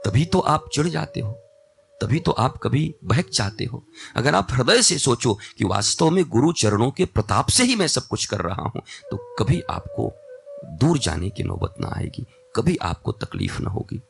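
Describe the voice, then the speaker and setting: A man's voice: medium pitch, huge pitch swings, moderate pace, gravelly, soft background music. A middle-aged man giving a religious discourse as a spiritual teacher, emphatic and storytelling, exhorting his listeners.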